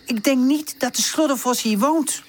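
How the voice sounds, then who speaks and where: A woman's voice: sits high, normal speed, pitched above the performer's own voice. A woman voicing a young male puppy who acts brave but stammers and hesitates when unsure. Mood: hesitant.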